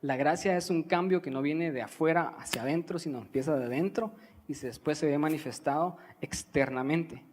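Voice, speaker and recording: A young man from Guatemala, preaching a sermon in an earnest teaching manner, pausing to stress key words. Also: fairly high pitch. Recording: reverberant church hall.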